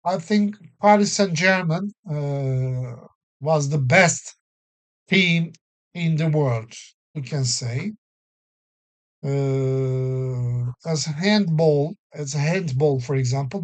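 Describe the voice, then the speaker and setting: A male English teacher from Turkey, his voice on the high side, gives a recorded classroom-style English lesson slowly and patiently. He explains with many everyday examples and frequent fillers.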